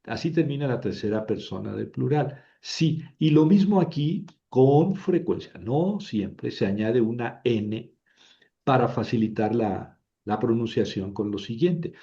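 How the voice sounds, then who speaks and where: Slow, patient male Greek teacher. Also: mid-range voice, lively intonation, creaky, mellow, dull audio. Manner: patient, spells out syllables, frequent tag questions. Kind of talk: slow classroom explanation.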